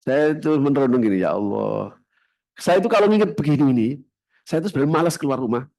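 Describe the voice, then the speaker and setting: A middle-aged male preacher with a Javanese accent tells stories in his sermon, and his pitch leaps and falls in animated swings. His voice comes across close and dry, with hardly any room sound, and his delivery jumps from loud bursts to near-whispered asides. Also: vocal fry, no echo. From Java. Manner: storytelling with animated shifts between loud and hushed. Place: mosque.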